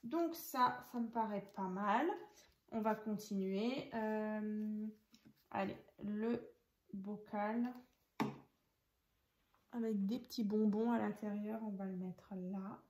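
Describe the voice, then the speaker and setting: A woman's voice: medium pitch, steady tone, slow pace, long pauses, darkish tone. A woman hosting a casual craft tutorial, chatting and thinking aloud as she works and counts out pieces. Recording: echoey room.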